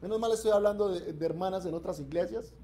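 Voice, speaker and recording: A man's voice: high voice, fast, warm tone, a little hiss or hum. A middle-aged man, preaching a sermon in an emphatic, earnest way. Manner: emphatic and earnest, acts out quoted voices. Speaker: pastor. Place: church.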